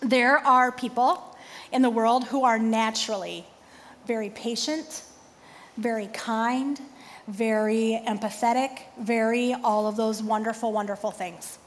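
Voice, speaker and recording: A woman pastor in her forties giving an animated sermon with self-deprecating humor. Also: on the high side, unhurried, long reverb tail.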